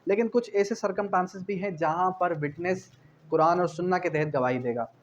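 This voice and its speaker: His voice sits high and he speaks fairly quickly, with a Pakistani accent. In this explanatory exam-prep law lecture he moves between reading legal clauses and explaining them, repeats key phrases and answers his own questions in a didactic way, all captured in dull, lo-fi audio with faint noise.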